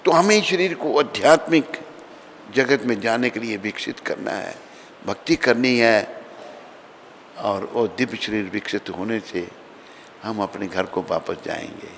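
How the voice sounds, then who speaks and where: A man's voice: on the low side, animated, unhurried, fairly bright tone. A man giving an earnest devotional sermon as a spiritual teacher, telling a story and calling on his listeners. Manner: earnest, addresses listeners with calls and chants. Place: temple hall during morning worship. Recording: long reverb, faint background noise.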